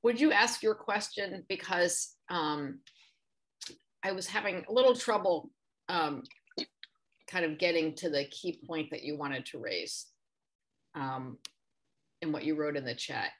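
Low-voiced woman moderating a webinar. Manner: measured, reads out audience questions. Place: home office. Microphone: video call.

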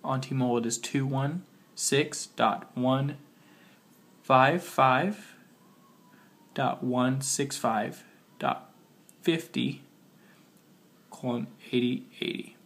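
Sick with a cold and a little muffled, a man hosts a relaxed how-to for a phone, talking as he works through each step and carefully spelling things out. His voice is medium-pitched and a bit bright, and he takes it slowly with frequent pauses.

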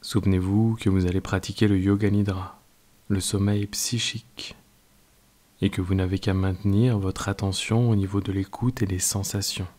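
Calm deep-voiced man guiding meditation. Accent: French. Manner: slow, calm, soft-spoken instructions. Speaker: meditation guide. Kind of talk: guided yoga nidra meditation.

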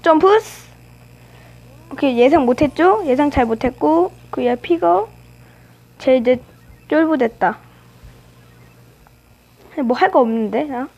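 A woman's voice: sits high, animated, slow, long pauses, a little mellow, dull audio. A woman commenting on her own gameplay as a channel host, playfully teasing and trash-talking her opponents. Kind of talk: live game commentary.

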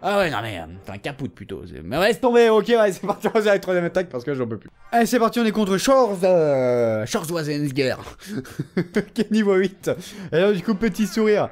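Tired, excitable man commenting on his game. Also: high-pitched, fairly quick. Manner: excitable, talks to himself and his opponent. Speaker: gaming video host. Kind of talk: casual live game commentary.

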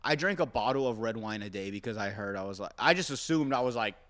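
Lively rambling man hosting a podcast. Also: lowish voice, quick pace. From Arizona, US. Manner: rambling, self-mocking, talks straight to listeners. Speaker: podcast host. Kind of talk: casual solo podcast rant.

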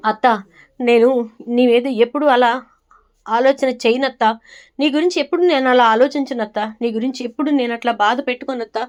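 A woman's voice: a little high, brisk, lo-fi sound, close to an everyday voice. Woman voicing a tearful young wife. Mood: apologetic. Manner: tearful, apologetic.

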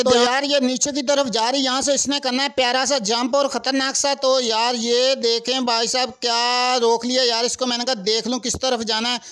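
A young man with a Pakistani Urdu accent giving chatty, excitable commentary over a car stunt game, often calling out to his viewers. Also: very high-pitched, smooth. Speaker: gaming channel host. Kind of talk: casual gameplay commentary.

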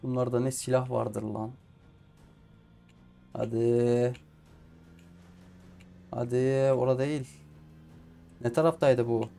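A man's voice: medium pitch, level tone, takes it slowly, gravelly, pauses often, warm tone. A man playing a survival game and commenting casually, swearing at the game and talking to himself and the characters on screen. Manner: frustrated, swears at the game often. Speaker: gameplay streamer. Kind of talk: casual let's play commentary.

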